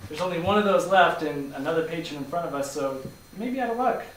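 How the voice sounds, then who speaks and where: Playing a grumbling, doubtful customer who frequents a bakery, a man gives a dry, wry performance at a live staged reading in a room. He speaks fast in a natural, somewhat high voice with lively intonation, picked up by a distant mic with roomy sound and faint noise.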